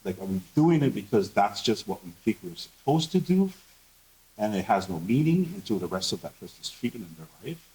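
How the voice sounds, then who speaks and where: A man's voice: on the low side, sing-song, fairly quick, a little mellow, poor audio. A man speaking candidly on a conference panel, earnest and full of fillers. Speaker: panelist, behavioral health professional. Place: conference room.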